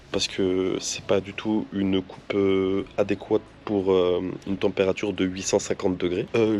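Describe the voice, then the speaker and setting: A French travel vlogger chats casually to camera while sick with tonsillitis, his swollen throat making his voice sound congested. It sits on the low side, slightly mellow, with a little background noise.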